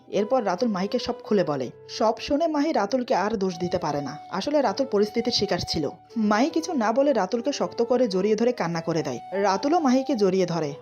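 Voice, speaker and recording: A woman with a Bengali accent narrates a romantic story, reading every character's lines in her own voice and dropping slightly lower for the men. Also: a little mellow. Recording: slightly dull recording with faint music.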